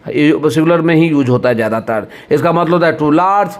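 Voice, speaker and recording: A man teaching English vocabulary in Hindi, reading out words and spelling out their pronunciation slowly and deliberately. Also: a little high. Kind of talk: bilingual vocabulary lesson.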